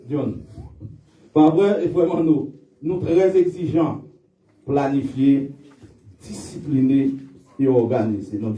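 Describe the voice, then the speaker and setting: A man preaching a sermon in church, calling out to his congregation for responses and reading scripture slowly and emphatically. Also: medium pitch, dark tone. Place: church sanctuary. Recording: echoey hall, distant dull mic.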